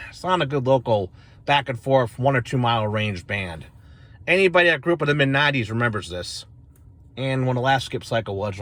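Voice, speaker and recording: A middle-aged American CB radio fan from the northern United States shows off equipment from inside a parked car, talking in a plain-spoken, rambling, opinionated way. His voice is medium-pitched and a bit bright, and the demonstration is casual and unscripted.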